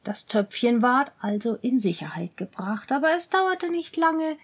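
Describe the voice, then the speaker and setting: A woman reads a fairy tale aloud in a calm, measured way. Her voice is high, and she takes her time over every sentence. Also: slightly rough. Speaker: storyteller.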